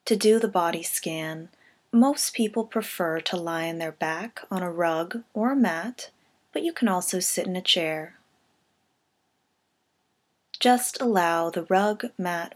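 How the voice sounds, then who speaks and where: This is a scripted guided body scan meditation read by a woman with a lowish voice. She keeps things calm, gentle and measured, letting each phrase soften as it ends.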